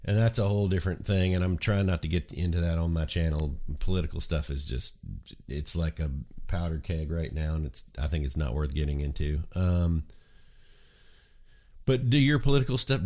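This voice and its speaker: Low-pitched and slightly congested from a cold, this male host keeps his casual morning chat show loose and meandering, peppering his talk with ums and uhs.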